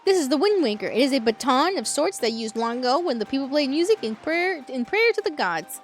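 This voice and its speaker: A woman's voice: high-pitched, very animated, a little fast, soft background music. A woman reading out a wise talking boat that guides a young hero in a video game, in a solemn, instructive manner. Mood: solemn, guiding.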